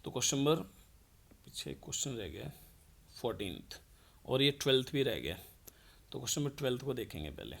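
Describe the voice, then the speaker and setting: A man's voice: medium pitch, big pitch swings, brisk, creaky, pauses often, fairly bright tone, breathy edge. A man teaching a math lesson. He explains each step and asks the class questions, then answers them himself.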